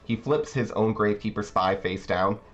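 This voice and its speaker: At a moderate pace and fairly low pitch, a man who hosts a card game channel chats casually about his matches, working through his thinking and explaining his plays. A slight congestion colors his voice. There's faint music behind a slightly dull recording.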